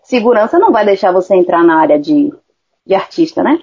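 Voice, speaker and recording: Husky, fairly low-pitched and a little fast, a singer from Salvador, Brazil tells a lively story in casual chat. She acts out what people said and swears casually, heard through a dull lo-fi recording.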